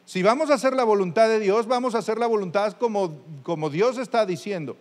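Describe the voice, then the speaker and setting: A man delivers a sermon to his congregation, his voice sitting unusually high for a man. He speaks conversationally and keeps turning to his listeners with direct questions. A long hall reverb trails after his words in the church. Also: fairly quick. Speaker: pastor.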